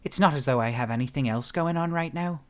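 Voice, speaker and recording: A man's voice: a little high, quick pace, pitched above the performer's own voice, natural voice. A dry, guarded young woman, as a male narrator puts her on. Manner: dry and firm. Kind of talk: audiobook narration.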